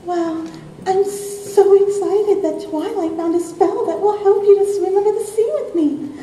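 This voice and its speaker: A woman playing an excitable, bubbly young mermaid-like sea pony in a live amateur stage skit, gushing as she talks. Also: very high voice, a little slow. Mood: excited, gushing. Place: on stage in a convention ballroom. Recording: roomy hall stage, distant camera, faint noise.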